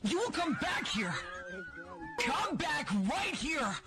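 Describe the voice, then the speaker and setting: A woman playing an overwrought, possessive parent in an overacted anime-dub manner, with drawn-out melodramatic shouting. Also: high-pitched, big pitch swings, heavily acted. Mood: scolding, possessive. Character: overwrought possessive parent calling self Daddy. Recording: music loudly behind the voice.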